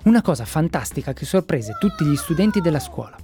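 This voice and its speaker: A storyteller giving a lively, expressive reading of a children's story. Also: mid-range voice, quick pace, soft background music.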